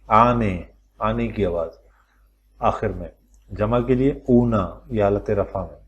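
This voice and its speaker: In this dull-sounding recording, a male Quran teacher with a low voice takes his class through the lesson one step at a time and poses questions aloud. He slows down whenever he lists examples, stretching out each word form.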